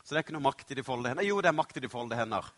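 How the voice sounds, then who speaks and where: A middle-aged male pastor preaching a sermon, telling stories dramatically and moving between hushed and loud passages. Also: mid-range voice, expressive.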